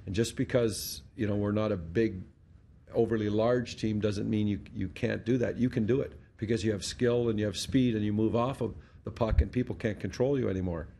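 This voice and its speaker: At a post-game presser, a middle-aged Canadian hockey head coach responds to reporters via a desk mic on a stand, a sponsor backdrop behind him and slight background noise around. His lowish voice is steady, brisk and warm, with vocal fry. He comes across as blunt and matter-of-fact, repeatedly restarting words.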